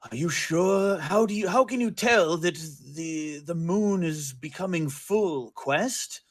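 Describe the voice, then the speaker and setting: A man's voice: high voice, takes it slowly, no room sound, voice pushed up. A man voicing a nervous underling who questions his boss during a tabletop game. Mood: anxious.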